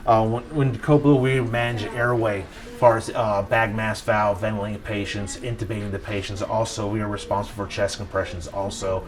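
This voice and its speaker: Briskly and with few pauses, a man explains his job as a respiratory therapist in a plain, casual workplace interview, dropping in the odd filler. His voice sits fairly low with little pitch movement.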